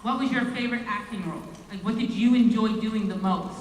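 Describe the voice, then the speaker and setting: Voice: medium pitch, brisk. Hesitant fan asking from an echoey hall. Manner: hesitant, rambling question. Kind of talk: audience question at a Q&A. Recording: echoey hall from far off, faint noise.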